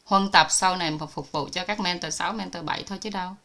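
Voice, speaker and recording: Chatty low-voiced woman host. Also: fairly even intonation, fast, sharp tone. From Vietnam. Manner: chatty, laughs often. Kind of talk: casual chat on a video call.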